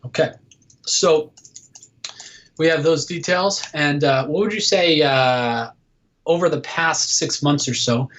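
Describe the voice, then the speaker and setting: A man's voice: mid-range voice, lo-fi sound. A man in his thirties, a guest coach on a casual podcast interview, explaining things patiently with many fillers. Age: 30s. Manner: explanatory, lots of "uh" and "um".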